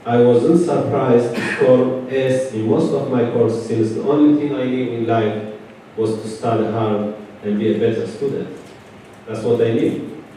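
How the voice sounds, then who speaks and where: A man from Eritrea with an Eritrean accent, giving a measured personal testimony speech at a community event. English is not his first language. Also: mid-range voice, warm tone, slight background noise. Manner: earnest and measured, with deliberate pauses. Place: large event hall. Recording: echoey hall, from a distance.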